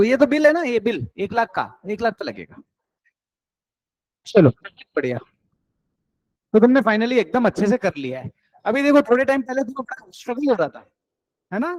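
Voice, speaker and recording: A man's voice: extremely high pitch, darkish tone, no room sound. A man teaching an accounts class, coaxing and encouraging his students and mixing in English terms.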